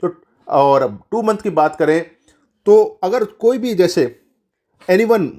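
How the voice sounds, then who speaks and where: A man's voice: high voice, expressive, slow pace, a little mellow. A man teaching nursing exam questions in a lecture, addressing students as children, repeating key answers and correcting himself as he goes. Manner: mixes English terms into Hindi explanation.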